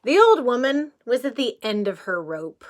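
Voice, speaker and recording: Her fairly high voice comes at a moderate pace, with a little hiss or hum on the recording, as this kindergarten teacher reads a picture book to young children. She asks them questions, explains words in easy terms, and tells the tale expressively with plenty of chuckles.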